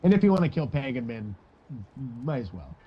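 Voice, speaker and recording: A man's voice: mid-range voice, big pitch swings, fairly quick. A man who jokes crudely and laughs often while casually commenting on a game. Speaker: gaming co-commentator. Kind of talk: casual let's-play chat. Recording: dull lo-fi voice recording.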